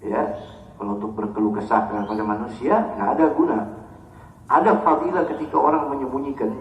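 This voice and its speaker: A man's voice: mid-range voice, fairly quick, far from the mic, lo-fi sound, soft background music. A man preaching a sermon, telling stories acted quotes, recorded from afar in an echoey hall. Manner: lively storytelling with acted quotes. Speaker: religious teacher. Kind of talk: sermon on a classical book.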